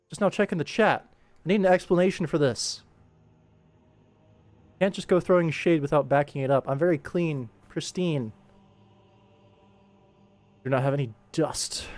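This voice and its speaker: A man with a medium-pitched, darkish voice, an animation director hosting a livestream, chats casually while he works, with dry, tongue-in-cheek humour. Music plays in the background.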